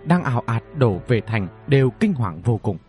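A man narrating a fantasy story in an expressive, dramatic reading style. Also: medium pitch, normal speed, music in the background. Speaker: audiobook narrator.

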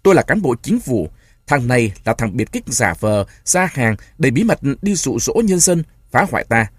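A man voicing a male government medic in a storybook reading, loudly addressing a crowd. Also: medium pitch, big pitch swings, moderate pace, husky, dry recording, clean studio sound. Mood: commanding. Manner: loud, declaiming to a crowd.

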